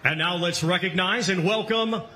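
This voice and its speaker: A man working as a ring announcer, hosting a boxing event with formal introductions and booming, drawn-out names. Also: noisy background.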